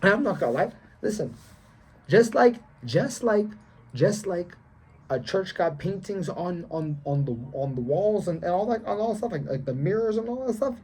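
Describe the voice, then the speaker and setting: Young male vlogger, mellow husky voice, preachy and repetitive, casual slang. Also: high voice, expressive, moderate pace. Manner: emphatic and preachy, repeats himself, slangy. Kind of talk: casual faith vlog monologue.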